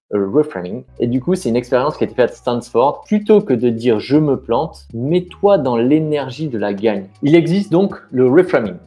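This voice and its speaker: A man's voice: medium pitch, warm tone. A man coaching the viewer directly in an informal, encouraging way, with fillers and restarted sentences. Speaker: business mindset coach. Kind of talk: coaching video talking straight to the viewer.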